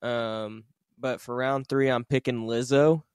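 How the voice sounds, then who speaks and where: A man's voice: mid-range voice, fairly even intonation, a little slow, a little mellow, smooth, no room sound. Joking man on a dry podcast mic. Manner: joking, laughs often. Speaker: podcast co-host. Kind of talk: casual chat.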